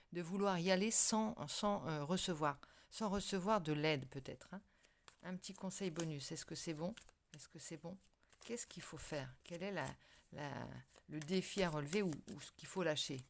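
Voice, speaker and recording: A woman with a lowish, creaky voice gives a casual tarot reading straight to the viewer. She hesitates a lot, using many fillers and restarting her sentences.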